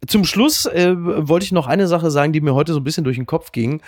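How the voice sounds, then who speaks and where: A man co-hosting a podcast in casual chat, quick and chatty, on a close mic. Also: fairly high pitch, no echo. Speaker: podcast co-host.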